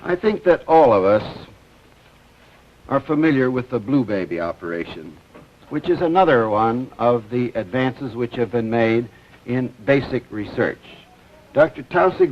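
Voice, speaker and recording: Male physician presenter, hesitant and filler-heavy, heard through muffled 1950s TV broadcast audio with light hiss. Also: mid-range voice. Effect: 1950s TV broadcast sound. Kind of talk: explanatory TV science presentation. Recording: dull lo-fi old TV audio, faint hiss.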